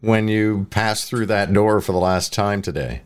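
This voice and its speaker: A man with a very low voice hosts a morning radio interview. He asks his questions in an easy, conversational tone. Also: a little slow, smooth.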